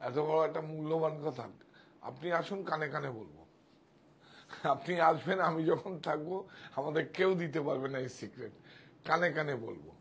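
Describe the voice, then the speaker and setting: A man's voice: on the high side, lively intonation, normal speed, fairly bright tone, slight background noise. Chatty man selling saris live. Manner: chatty, showing saris and directing helpers off to the side. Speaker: sari seller on a live sale. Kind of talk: live sales stream.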